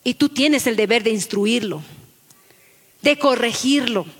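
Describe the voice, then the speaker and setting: A woman pastor giving an animated sermon to her congregation, calling listeners "brother" and acting out children's lines. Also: on the high side, a little slow, in a large hall. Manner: animated, acts out children's voices in quotes, addresses listeners as brother.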